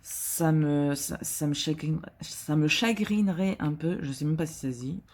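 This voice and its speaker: A woman vlogger chats casually while diamond painting, speaking at a normal speed in a deep, slightly mellow voice. She's hesitant, full of filler sounds and restarts, and keeps poking fun at herself in a chatty way.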